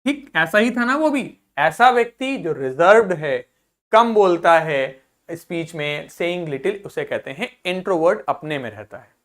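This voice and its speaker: Her voice is on the low side and expressive, moving at a moderate pace, with an Indian accent. She leads an English vocabulary class, drilling pronunciation by repeating each word. She questions her students but answers every question herself.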